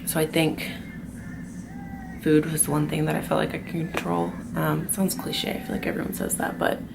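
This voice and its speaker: Young female vlogger, low and very gravelly, hushed half-whisper, noisy recording; candid and loose. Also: level tone, moderate pace. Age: young adult. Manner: soft-spoken, half-whispered, swears casually. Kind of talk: casual confessional talk. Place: group home at night, indoors.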